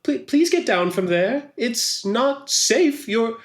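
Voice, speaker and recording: A man voicing an odd, cheerful male radiant who stammers in a very high voice. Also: sing-song, takes it slowly, echoey room, full character voice. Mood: eager, flustered. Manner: stammering, eager, very high-pitched.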